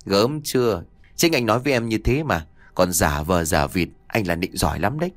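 A man voicing a gentle young wife in an audio story, speaking softly and hesitantly. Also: lowish voice, lively intonation, normal speed, no echo, lightly acted. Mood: teasing. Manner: soft and hesitant.

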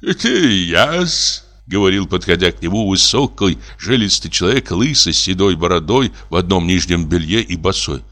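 A man reads a classic short story aloud in a measured, even storytelling style. His voice sits on the low side. The delivery is steady and unhurried. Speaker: narrator. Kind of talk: audiobook reading of a classic story.

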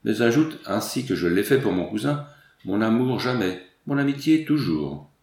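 A man's voice: fairly low pitch, big pitch swings, moderate pace, a little mellow, echoey room. A man reading an audiobook, voicing a proud, independent young noblewoman with firm, formal composure. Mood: firm, composed.

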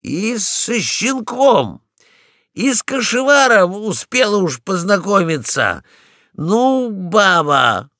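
A man's voice: high voice, expressive, extremely slow, vocal fry, pushed and bright, no room sound, studio quality, pitched above the performer's own voice, full character voice. A man doing an indignant proud male dog. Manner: indignant and stern.

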